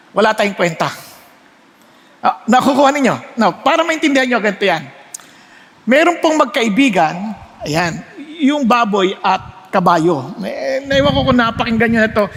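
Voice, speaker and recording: A male preacher with a very high, bright voice gives a lively sermon. He moves freely between Tagalog and English and acts out his stories with frequent laughs. His voice echoes with the long reverb of a church hall.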